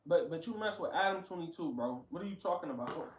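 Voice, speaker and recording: A man's voice: fairly high pitch, lively intonation, quick pace, recorded from a distance, a little hiss or hum. Blunt, profane male commentator, echoey room. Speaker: reaction commentator. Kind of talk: casual commentary.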